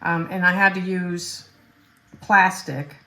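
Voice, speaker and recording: A woman's voice: lowish voice, fairly even intonation, slow, very noisy. A woman hosting a food taste-test vlog, chatty and explaining each dish as she goes. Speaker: vlog host. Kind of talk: casual taste-test chat.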